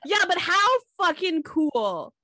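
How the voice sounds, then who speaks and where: A woman's voice: extremely high pitch, sing-song, slow pace, bright, forceful tone, no echo. A woman co-host in a casual chat, blunt and swearing freely.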